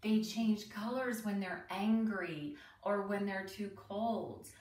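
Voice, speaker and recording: With a mid-range voice, a woman reads a children's book the way a teacher would, deliberately and expressively, pausing to ask young listeners questions and make asides. It's recorded in a roomy space on a distant mic, with a little faint noise.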